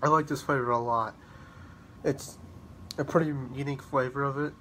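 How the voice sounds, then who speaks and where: A man's voice: medium pitch, fairly even intonation, normal speed, a bit bright, slight background noise. A man reviewing drinks in a casual vlog, rambling and upbeat, repeating his sign-offs and sometimes out of breath. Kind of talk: casual vlog talk to camera.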